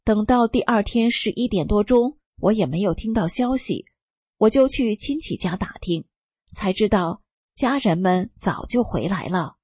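Woman narrating a personal story, calm and even, a bit breathy, dry close sound. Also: medium pitch, moderate pace, no room sound. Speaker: reader of a first-person testimony. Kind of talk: scripted narration.

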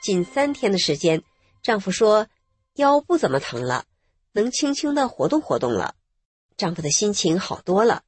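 A woman calmly narrating her own story in a measured, scripted radio reading. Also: mid-range voice, slightly rough, no echo, faint music behind.

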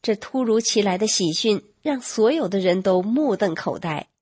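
A woman narrating a first-person story in a steady, earnest reading voice with a husky tone. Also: mid-range voice, moderate pace, no echo.

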